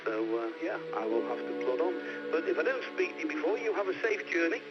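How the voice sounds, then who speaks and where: A man's voice: on the high side, big pitch swings, fast talker. A man chatting over a ham radio link, rambling and friendly with many fillers. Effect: heard over a ham radio receiver. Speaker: amateur radio operator. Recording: muffled radio audio with music.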